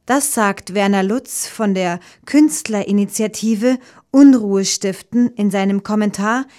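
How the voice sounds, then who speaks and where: A woman presenter speaking in a mid-range voice. She sets up the next segment in a clear, composed announcing manner, like a host on a news program. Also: medium pitch, unhurried, mellow. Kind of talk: news introduction.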